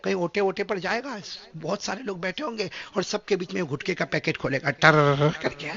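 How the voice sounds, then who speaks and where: A man from Gujarat, preaching an animated, humorous sermon and questioning his listeners, in a dull lo-fi recording. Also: high voice, vocal fry. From Gujarat, India. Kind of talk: sermon with anecdotes.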